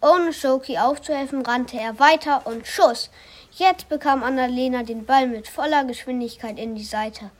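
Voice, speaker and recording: A young school radio presenter reading a story aloud in a lively way. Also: female voice, high voice, moderate pace.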